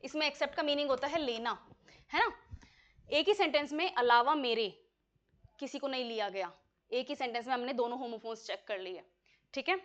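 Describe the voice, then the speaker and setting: A woman teaches an exam-prep English lesson in Hindi, working through examples one at a time. Her voice sits high, and she keeps pausing to make sure her students have followed. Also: a bit bright, highs cut off. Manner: explanatory, checks in with students often.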